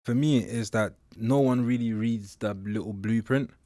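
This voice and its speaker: A young man born in Nigeria, a mentor and public speaker, telling his story in an interview in a halting, reflective way with many fillers. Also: lowish voice, dark tone, no room sound, studio quality. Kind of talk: candid personal interview.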